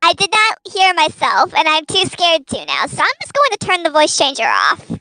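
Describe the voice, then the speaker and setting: A very high, bright, young-sounding voice jokes in playful, teasing banter. The pitch swoops around a lot, and the sound is dry and close. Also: wildly swooping pitch, normal speed, no echo. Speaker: stream co-host friend. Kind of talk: casual chat.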